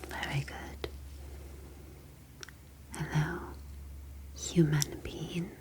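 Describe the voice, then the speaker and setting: Whispering softly and breathily, a woman with a low voice plays a calm and formal humanoid alien scientist for ASMR, her phrasing slow and deliberate.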